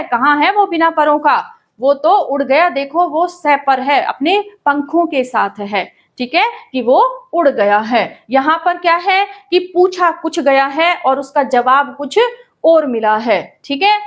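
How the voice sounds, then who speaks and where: A woman teacher explaining a grammar lesson patiently, often checking in with the class and reading verse lines slowly. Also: sits high, fairly bright tone. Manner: calls students "बेटा".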